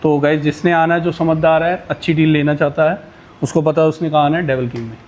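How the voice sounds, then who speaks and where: A man pitching used superbikes in a casual, boastful way, rattling off price countdowns. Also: fairly even intonation, fast talker, darkish tone.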